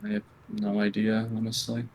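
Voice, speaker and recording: A man being interviewed as a competitive gamer, speaking bluntly and earnestly with halting restarts. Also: on the low side, big pitch swings, vocal fry, a little hiss or hum, low-quality recording. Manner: quiet, near whispering at times. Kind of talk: candid conversational interview.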